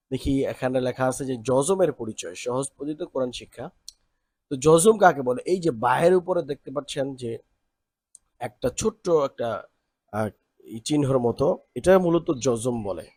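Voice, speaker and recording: A man gives an online Quran reading lesson, his voice sitting in a middle pitch. He talks patiently and fills pauses with "ah". The recording is dry, with no room echo. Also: a little mellow, slightly rough. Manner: patient, repeats letter drills slowly, frequent "ah" fillers. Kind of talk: online lesson with slow drilled recitation.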